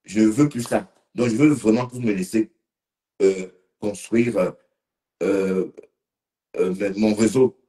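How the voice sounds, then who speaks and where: A man's voice: on the low side, takes it slowly, pauses often, warm tone. A man a bit tipsy, rambling casually on a live stream and talking to commenters by name. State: slightly tipsy.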